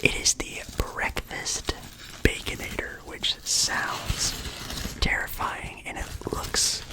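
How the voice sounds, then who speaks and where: Young man whispering an ASMR food review. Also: takes it slowly. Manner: casual, chatty whispering between bites. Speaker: ASMR creator.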